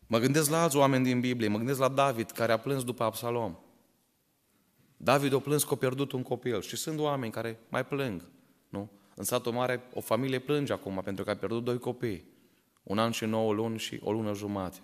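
A man's voice: medium pitch, in a large hall. A man preaching a sermon to his congregation, asking many rhetorical questions and telling stories in which he voices the characters. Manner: tells stories and voices the people in them. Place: church hall.

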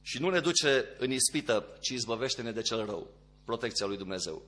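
Bright-voiced preacher with swelling emphasis. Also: male voice, expressive. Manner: swings between quiet low passages and rising emphatic ones. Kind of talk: sermon.

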